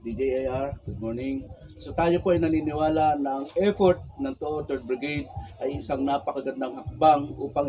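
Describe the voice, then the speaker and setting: Mellow, formal Filipino male official. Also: fairly high pitch, slight background noise, poor audio. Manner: measured, official, speech-like. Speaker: municipal administrator, interview guest. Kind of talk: formal public statement in an interview.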